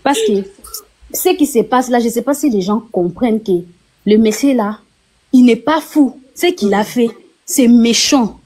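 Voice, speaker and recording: A woman's voice: fairly high pitch, unhurried, a little mellow. A woman from Kinshasa speaking as a guest on a live-stream debate, emotional and insistent, with a voice that trembles. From DR Congo, Kinshasa. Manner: shaky, emotional, apologetic, insistent.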